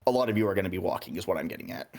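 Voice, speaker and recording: A man's voice: low-pitched, lively intonation, racing, darkish tone. A man narrating as game master in a casual, filler-heavy way.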